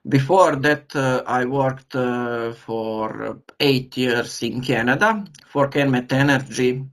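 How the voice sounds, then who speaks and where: A man from Serbia, a professor giving an online lecture, pausing often as he searches for words over a video call. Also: medium pitch, fairly bright tone.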